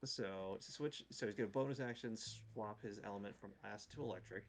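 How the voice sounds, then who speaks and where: A man's voice: fairly low pitch, fairly quick, slight background noise. A man playing in a tabletop game, chatting casually about his moves. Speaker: player.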